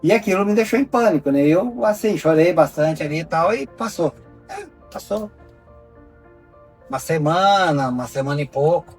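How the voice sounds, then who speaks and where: A middle-aged man from Brazil tells a personal testimony in casual conversation, acting out the dialogue and dropping to a hushed voice at dramatic moments. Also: normal speed, breathy edge, distant mic, soft background music. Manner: animated storyteller, acts out dialogue with big pitch swings. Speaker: founder of a rescue project, telling his story.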